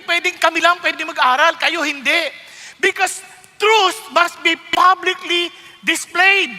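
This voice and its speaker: A man with a Filipino accent preaches an emphatic sermon, peppering his congregation with rhetorical questions. His voice sits unusually high and cuts with a sharp, forceful edge. Everything rings out in the long reverb of a large hall. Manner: emphatic, switches between English and Tagalog, rhetorical questions to the congregation.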